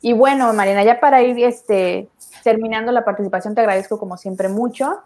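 A woman's voice: a little high, brisk, a little mellow. A woman with a Mexican Spanish accent hosting a live talk show, chatty and emotional, reading viewers' comments aloud. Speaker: host of an online talk show.

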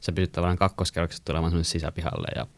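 A young Finnish man casually spins a long, rambling story for his friends, full of fillers, and he livens up whenever he quotes someone. His voice is low and gravelly, with no echo.

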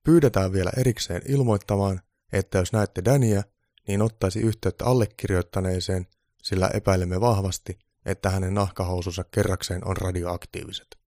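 A man voicing an old Santa Claus who booms cheerful calls and grumbles when puzzled. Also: fairly even intonation, warm tone, no echo, clean studio sound. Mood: reading aloud. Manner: booming exclamations, grumbling mutters.

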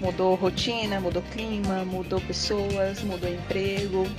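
A woman's voice: medium pitch, level tone, a little slow. A woman with a Bahian Brazilian accent co-hosting a podcast in a casual, conversational style. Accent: Bahian Brazilian Portuguese. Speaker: podcast co-host. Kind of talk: casual chatty podcast presenting. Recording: loud background music under the voice. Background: background music.

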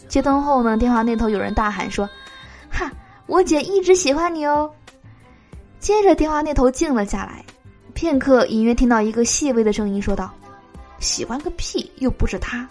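A woman podcast host reading out jokes in a lively way, laughing between them. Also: fairly high pitch.

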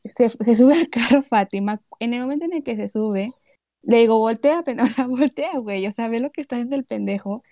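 A woman's voice: fairly high pitch, brisk, dry recording. Slangy young Mexican woman. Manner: animated storytelling, slangy and crude. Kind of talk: casual chat.

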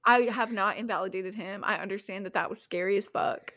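A young woman co-hosting a casual podcast, telling stories in an animated, giggly way on a close mic. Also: mid-range voice, a little fast. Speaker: podcast co-host. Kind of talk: casual chat.

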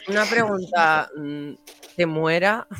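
A man's voice: high-pitched, slow pace, bright, forceful tone. A man chatting casually in a group discussion. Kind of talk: casual group chat about a TV series. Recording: music under the voice.

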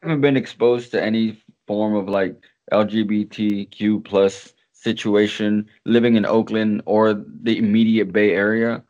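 A man's voice: fairly low pitch, fairly even intonation, a little slow, a little mellow. A man co-hosting a casual podcast, explaining his points in a rambling way full of "like". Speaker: podcast co-host. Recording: dull lo-fi sound.

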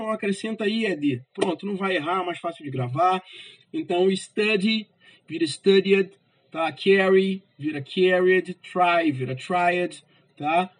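A man's voice: high voice, poor audio. A male English teacher giving a casual grammar lesson, ending almost every phrase with "tá?" and stressing syllables of English example words. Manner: casual, repeats "tá?" as a check after nearly every phrase.

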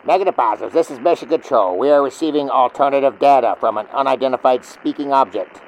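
A man's voice: medium pitch, fast. A man playing astronauts and mission control trading clipped calls over a breaking-up space radio transmission. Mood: urgent. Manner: clipped radio call-and-response. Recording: dull lo-fi radio sound with music behind.

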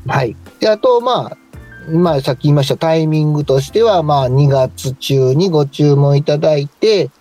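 A man with a Kansai Japanese accent, a fairly high pitch, and a dark tone speaks at normal speed over soft background music. He's a radio co-host, stylist, and tailor shop manager giving a polite, informal explanatory talk.

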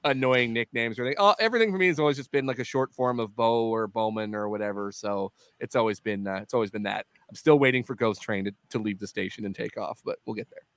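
A man's voice: on the low side, fast, hardly any pauses, fairly bright tone, dry recording. Dry-sounding jokey man. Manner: jokey, riffing. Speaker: podcast co-host. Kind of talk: casual chat.

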